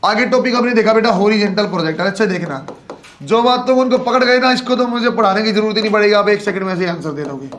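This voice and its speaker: High-voiced physics teacher lecturing. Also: male voice, quick pace, a bit bright. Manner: addresses students as beta and bachhon, asks and answers his own questions. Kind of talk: classroom lecture.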